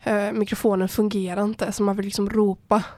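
A woman's voice: mid-range voice, level tone, mellow, no room sound. A young woman with a cold and a stuffy nose, chatting casually as podcast co-host and acting out quotes as she tells stories. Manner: chatty storytelling, acts out quotes. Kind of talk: casual chat.

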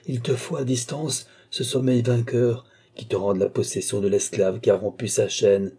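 A man's voice: mid-range voice, level tone, normal speed, mellow, breathy edge. A man voicing a feverish, obsessive male sorcerer who speaks in intense, willful incantations. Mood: desperate.

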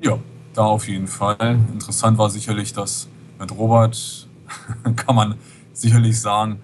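A man's voice: fairly low pitch, level tone, a little slow. Rambling man on a noisy Skype line. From West Berlin. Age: 40s. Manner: rambling, many fillers like "halt eben". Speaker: guest. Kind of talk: casual interview. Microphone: Skype call.

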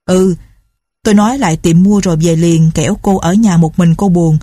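A woman's voice: lowish voice, fairly even intonation, moderate pace, warm tone, no echo, studio quality, close to an everyday voice. A woman voicing a talkative older housemate who fusses and scolds. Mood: chatty.

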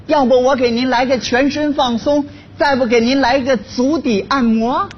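An actor playing a laid-off, henpecked husband in a stage comedy sketch, who brags loudly and then grovels and stammers before his wife. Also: very high-pitched, steady tone, moderate pace, slightly rough, muffled recording. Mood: fawning.

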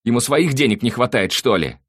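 A man's voice: mid-range voice, expressive, a little fast, fairly bright tone, no room sound, pitched above the performer's own voice. A man reading an audiobook, voicing a desperate, panicky male cousin who whines and pleads near tears. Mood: pleading, whining.

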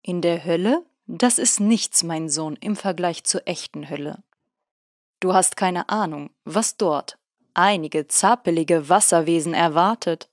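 A calm priest with a low, unhurried voice, gently teasing and a little ironic, read by a woman in an audiobook. The recording is dry and close. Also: dry recording. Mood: dryly mocking. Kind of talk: audiobook character voice.

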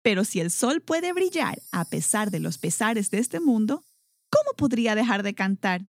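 A woman's voice: mid-range voice, very animated, normal speed, no room sound. A woman voicing a stubborn, brave little male rooster in a storybook, defiant and plaintive. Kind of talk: storybook character voice.

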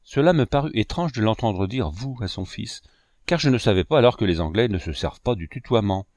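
A man narrating a classic novel as an audiobook, measured and expressive, on a close mic. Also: fairly low pitch, no room sound. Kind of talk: scripted narration.

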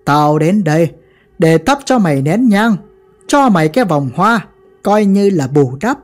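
A woman's voice: fairly low pitch, animated, a little slow, soft background music. A woman voicing an arrogant male gangster who mocks a dead rival. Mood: gloating. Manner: mocking, gloating.

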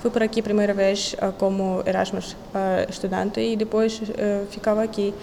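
In an echoey hall with a little noise, a Kazakh master's student, young and female, gives hesitant interview answers in a language she's still acquiring, restarting often and using many fillers. Her voice is mid-range, warm and creaky, with little pitch movement and a moderate pace.

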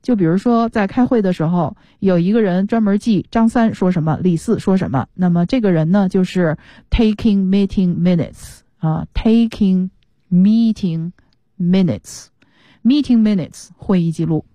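A woman gives a radio English lesson from a studio, patiently explaining each word and mixing English terms into her talk. Her voice sits a little low and sounds mellow. The sound is dry and close. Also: moderate pace, few pauses, no room sound. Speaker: English teacher.

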